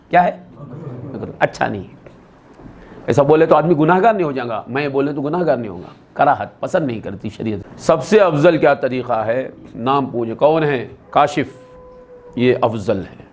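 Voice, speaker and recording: A male preacher giving a sermon to a gathering. He asks his listeners questions and repeats the answers back to them. When he acts out quoted dialogue, his voice climbs higher. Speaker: Islamic scholar preaching. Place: religious gathering.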